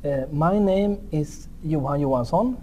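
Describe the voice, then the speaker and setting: Seated at a table in an indoor lounge, a middle-aged Swedish man with a Swedish accent interviews a guest casually. He is friendly but hesitant, full of fillers and restarts, and his fairly high, mellow voice moves at a measured pace over a slight hiss or hum.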